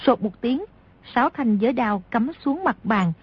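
Husky-voiced woman narrating a story. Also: on the high side, lively intonation, normal speed. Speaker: audiobook narrator. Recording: dry, dull lo-fi audio.

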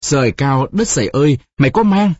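A narrator voicing an anxious middle-aged village mother who asks in a hasty, shrill way. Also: normal speed, a little mellow, breathy edge, no room sound, muffled recording, close to an everyday voice. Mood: alarmed.

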